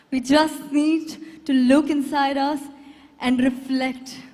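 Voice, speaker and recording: A young woman with an Indian accent giving a formal, solemn pageant answer in measured phrases. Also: sits high, a little mellow. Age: young adult. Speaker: pageant contestant. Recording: long hall reverb from stage PA.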